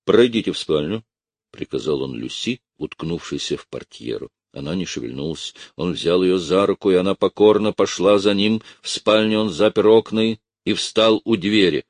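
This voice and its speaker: A man narrating a classic literary story in an unhurried, expressive audiobook reading. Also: deep voice, no room sound.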